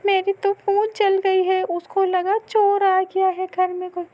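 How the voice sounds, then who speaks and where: A woman voicing a frantic young female animal in a cartoon story, shrill and panicky, repeating herself. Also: monotone, unhurried, highs cut off.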